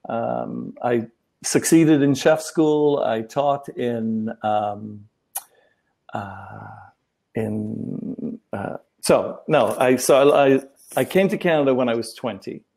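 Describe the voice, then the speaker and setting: Middle-aged male interview guest from Wales, gravelly low-key voice, thoughtful and hesitant. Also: steady tone, slow, mellow. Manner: thoughtful, many ums and restarts. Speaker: guest, relationship coach. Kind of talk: interview answers.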